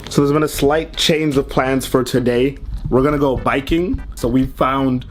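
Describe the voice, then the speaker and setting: A man's voice: mid-range voice, fairly even intonation, normal speed. A man hosting a travel vlog, chatting casually and joking with a friend while out on a mountain trail and city streets. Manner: joking, chatty, filler-heavy. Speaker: travel vlogger. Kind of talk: casual on-camera chat. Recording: background music over the voice.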